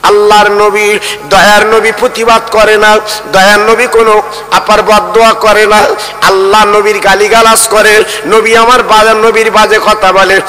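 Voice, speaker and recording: High, bright-voiced man preaching in a hall. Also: flat delivery, moderate pace. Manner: sing-song preaching, rising into high wailing appeals. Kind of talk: Bengali waz sermon with storytelling.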